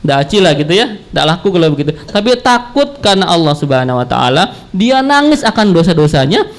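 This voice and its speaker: A man preaching a sermon in a playful, joking storytelling manner, swinging his pitch widely and trading call-and-response with his audience. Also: sing-song, a little fast.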